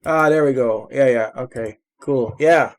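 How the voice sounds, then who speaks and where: A man's voice: mid-range voice, a little slow. Rambling man hosting a video call. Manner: rambling, self-interrupting questions. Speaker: video chat host. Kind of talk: casual chat.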